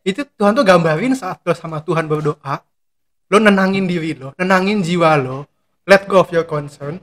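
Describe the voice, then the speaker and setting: A young male pastor talks in a high, bright voice. He speaks in easy slang and breaks into quoted voices to act out prayers. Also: normal speed. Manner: slangy Jakarta-style talk, acts out prayers in quoted voices. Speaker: pastor and guest. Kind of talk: casual faith chat.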